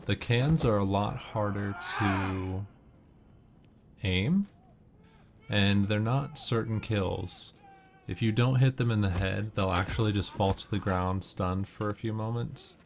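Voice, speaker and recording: A gamer gives casual, matter-of-fact walkthrough tips, explaining tactics as he plays. His voice is low, slow and gravelly. The recording is noisy, with video game gunfire and ambience behind him.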